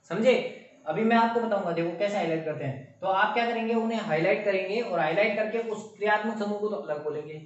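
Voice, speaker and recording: A man teaching a chemistry lesson, animated and often quizzing his students. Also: high voice. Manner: animated, keeps quizzing the class. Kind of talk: classroom lecture. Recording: roomy, distant, muffled sound.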